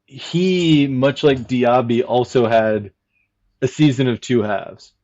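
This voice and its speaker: A man talks as a guest on a casual football podcast. He lays out his reasoning in long, measured explanations. His mid-range voice sounds a little dull and lo-fi. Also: mid-range voice, a little mellow. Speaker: fan guest.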